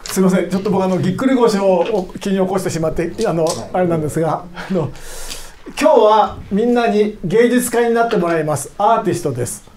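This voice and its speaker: Halting man in an echoey hall. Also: high-pitched, a crowd in the background. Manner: halting, with many fillers. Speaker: lecturer. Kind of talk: talk to children. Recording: echoey hall, faint noise.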